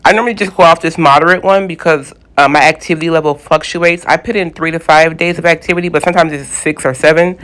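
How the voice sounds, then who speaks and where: A woman's voice: low-pitched, steady tone, fast talker, hardly any pauses, a bit bright. Woman vlogger chatting at home, super casual and talky, explaining stuff to her viewers. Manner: chatty, loose and informal, talks straight to viewers. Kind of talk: casual how-to vlog chat. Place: home kitchen.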